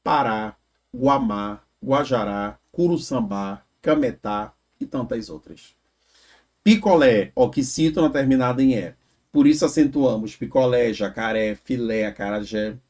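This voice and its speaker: A man's voice: medium pitch, darkish tone. A man teaching an exam prep grammar lesson, explaining step by step and checking in with "né?" and "tá?". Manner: explains slowly, drawing out example words, frequent "né?" and "tá?".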